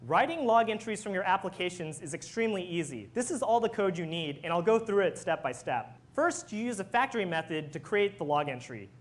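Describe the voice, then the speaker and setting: Engineer presenting, sex open: mid-pitched, explanatory, walks listeners through step by step. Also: lively intonation, fairly quick, few pauses. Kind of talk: technical presentation.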